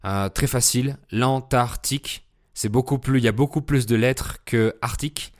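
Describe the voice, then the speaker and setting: A man hosting a podcast lesson for French learners, explaining slowly and deliberately with frequent fillers. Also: mid-range voice, steady tone. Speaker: French teacher podcast host.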